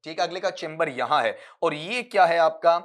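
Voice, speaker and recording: Teacher with slightly high voice. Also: male voice, moderate pace. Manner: explains step by step, asks questions and answers them; addresses students as beta. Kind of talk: exam-prep lecture.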